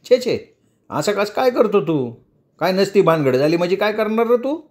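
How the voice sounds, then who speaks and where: A man's voice: high-pitched, sing-song, normal speed, a little mellow, pitched above the performer's own voice. An anxious, pleading driver, played by a male storyteller, argues and begs in an everyday male voice. He sounds worried and keeps searching for a way out.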